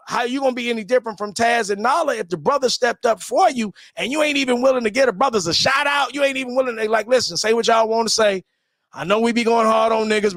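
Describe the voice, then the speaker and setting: Very high-pitched with a fairly bright tone, this man rants heatedly on a livestream for the channel he hosts. The studio-quality audio has no room sound, and he's profane and repetitive, tripping over restarts.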